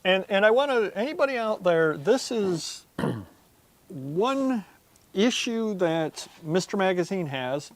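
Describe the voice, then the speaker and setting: Higher-voiced man explaining, close dry sound. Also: dry recording. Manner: explanatory, addresses viewers, works through examples. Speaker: host. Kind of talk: conversational explanatory vlog. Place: indoors, large warehouse storage aisle. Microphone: lapel mic.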